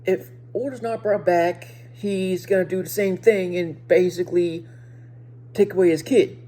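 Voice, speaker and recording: A woman gives a casual video review to viewers, speaking haltingly due to a speech impediment and often repeating and rephrasing her words. Her voice is fairly low and dark in tone, with fairly even intonation.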